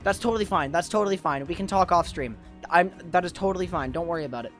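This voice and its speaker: Faint music sits behind a mid-range voice speaking at a quick pace. A tournament host and streamer caster, tired and fading after two days of talking, wraps up an esports livestream while chatting casually with viewers.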